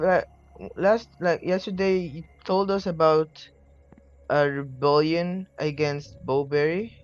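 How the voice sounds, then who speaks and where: A man's voice: on the high side, dull audio. A man playing his character in a tabletop game, talking in a hesitant, stumbling way. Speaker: player. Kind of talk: in-character tabletop role-play.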